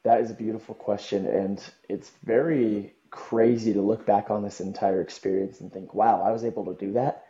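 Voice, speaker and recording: A man's voice: fairly low pitch, steady tone, normal speed, few pauses, warm tone. A young man from Southern California, a podcast guest talking earnestly and reflectively with frequent ums. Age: young adult. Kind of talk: podcast interview. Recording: dull lo-fi audio.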